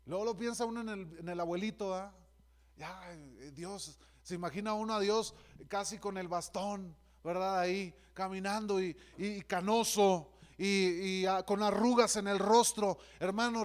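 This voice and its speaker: A man's voice: sits high, measured pace. A male pastor preaching a sermon with fervor, often calling out to his listeners as brother. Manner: fervent preaching, often calls out "hermano".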